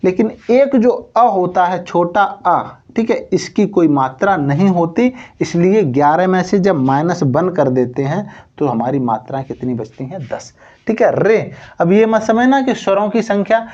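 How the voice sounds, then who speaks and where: A man's voice: sits high, unhurried, a little mellow, highs cut off. Male Hindi teacher drawling out vowels. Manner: repeats "theek hai" often, asks and answers his own questions; drawls and stretches words to show vowel length. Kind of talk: exam coaching lesson.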